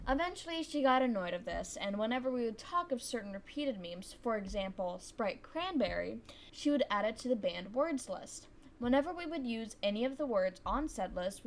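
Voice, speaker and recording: A woman's voice: fairly high pitch, slight background noise. A woman narrating a scripted storytime in an upbeat, playful way. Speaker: guest storyteller.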